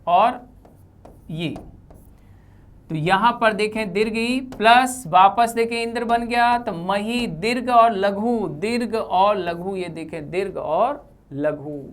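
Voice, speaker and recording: Pointing to examples on a board, a woman with a fairly high-pitched voice teaches Hindi grammar. Her explanations are deliberate, and she repeats the key terms.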